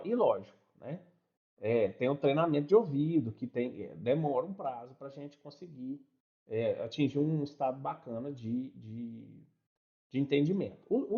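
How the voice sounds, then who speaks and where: A man's voice: a little high, a little mellow, muffled recording. A man teaching an online English class, explaining step by step in a chatty way and checking in with his students.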